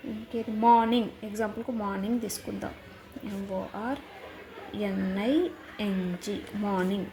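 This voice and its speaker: A woman teacher explaining methods for teaching young children, speaking slowly and repetitively, spelling words out letter by letter with many drawn-out "aa" fillers. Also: medium pitch, mellow. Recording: echoey room with faint ambient noise.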